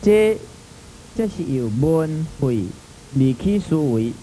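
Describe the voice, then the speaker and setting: A man with a Taiwanese accent lectures on a Buddhist sutra, his fairly high voice swooping up and down as he stretches phrases and leans on long fillers. His tone stays mellow, and the microphone carries a long hall reverb behind him. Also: big pitch swings, a little hiss or hum. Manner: drawn-out phrasing, frequent 啊 fillers, mixing in Hokkien.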